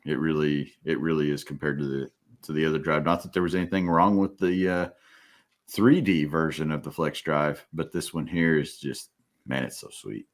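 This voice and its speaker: A man hosting a casual podcast chat, speaking in an easygoing, relaxed way. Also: a bass voice, moderate pace. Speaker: podcast host.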